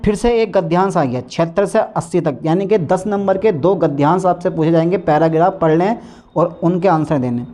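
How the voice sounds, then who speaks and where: A man's voice: high voice, darkish tone. A man teaching an exam-prep lesson in a coaching-class style, coaxing and urging his students to read along, speaking with a north Indian Hindi accent.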